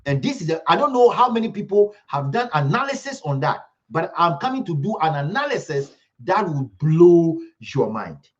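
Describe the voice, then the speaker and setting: A man's voice: fairly high pitch, sing-song, normal speed, few pauses, lo-fi sound. A man hosting an online commentary livestream, talking emphatically, repeating himself and pleading with viewers.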